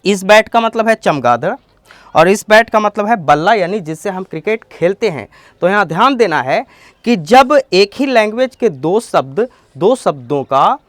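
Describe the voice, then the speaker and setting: Male English tutor, animated pitch, dry close recording, explains then restates. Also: no room sound. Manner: explains each term, then restates it in simpler words. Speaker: English teacher. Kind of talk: bilingual vocabulary lesson.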